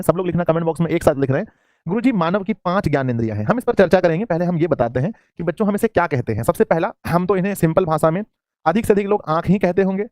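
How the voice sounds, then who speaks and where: Fast-talking, affectionate Hindi-accented teacher. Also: male voice, high-pitched, darkish tone, no echo, studio quality. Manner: affectionate, calls students "children", asks and answers his own questions. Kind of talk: online class lecture.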